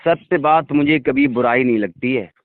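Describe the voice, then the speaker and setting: In this phone conversation, a man with a mid-range voice justifies himself insistently and asks to be heard. He talks at a moderate pace, and the dry, tinny call has no room sound.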